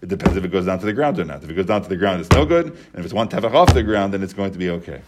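Man teaching a Talmud class, low voice. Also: lively intonation, very fast, background noise. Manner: explains step by step, repeats and restates points.

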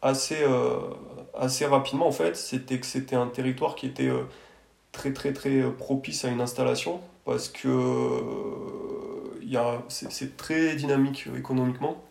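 A French architect, a guest on a podcast interview, tells his story casually and hesitantly, full of colloquial verbal tags. His mid-range voice is expressive, gravelly and a little mellow at a moderate pace, and the recording sounds roomy and echoing.

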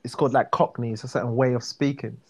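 South london guy just chatting easy, lots of "like" and "you know", normal pitch. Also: fast talker, husky. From South London, England. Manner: relaxed, many fillers and restarts. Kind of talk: casual chat.

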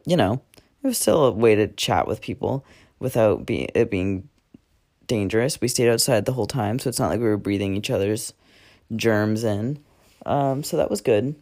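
A teenage guy records a casual diary podcast at home late at night. His voice sits on the low side. He rambles, fills pauses with "um" and "like", and often backs up to correct himself. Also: darkish tone. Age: teens. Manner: rambling, many fillers and self-corrections. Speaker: podcast host.

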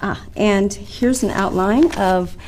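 A woman's voice: mid-range voice, slow, a little mellow, slight background noise, lightly acted. An actress playing a polite, businesslike woman ushering guests at an event. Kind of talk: scripted skit acting.

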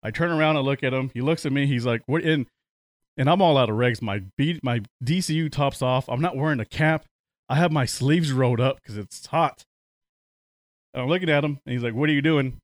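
A man hosting a radio morning show in a studio, telling stories in a relaxed, rambling way. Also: medium pitch, brisk, dry recording. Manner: relaxed, rambling anecdotal delivery with laughs. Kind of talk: casual radio chat and storytelling.

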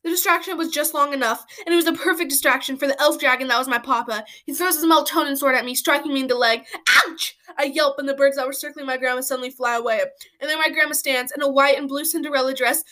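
A woman telling a silly made-up adventure in a casual, slangy, animated way, full of "like" and "bro". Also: high voice, fast, hardly any pauses. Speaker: storyteller. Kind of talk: casual comic storytelling.

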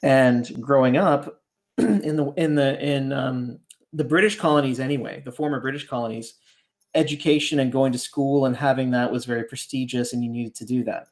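A man raised in Canada talks through his ideas as a ghostwriter on a podcast, his voice sitting at an ordinary middle pitch. He circles back, restarts his thoughts and keeps tagging them with a questioning "right?", relaxed and conversational. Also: moderate pace. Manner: reflective, rambling, keeps asking "right?". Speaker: ghostwriter guest.

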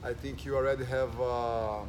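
A man's voice: medium pitch, level tone, normal speed, background noise. A man from Brazil with a Brazilian Portuguese accent, hosting a casual podcast as a jiu-jitsu gym owner, earnest and full of "and, uh" fillers.

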